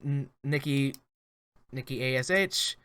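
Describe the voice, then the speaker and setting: A man co-hosting a casual wrestling recap podcast, joking sarcastically and laughing easily between halting restarts. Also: mid-range voice, a bit bright, smooth, no echo. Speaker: podcast co-host.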